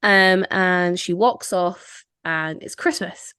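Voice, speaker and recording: A woman's voice: fairly low pitch, slow, pushed and bright, smooth, no room sound, clean studio sound. A young adult woman hosting a podcast, retelling a film scene by scene in casual chat and acting out the characters' lines with lots of laughter. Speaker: podcast host.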